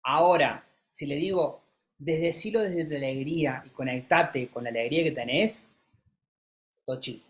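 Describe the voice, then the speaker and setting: A speaking coach, teaching a live masterclass and calling on students by name, who keeps changing pitch and pace to show what is meant. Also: moderate pace. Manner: demonstrative, shifts pitch and pace to illustrate; coaxing, calls on students by name.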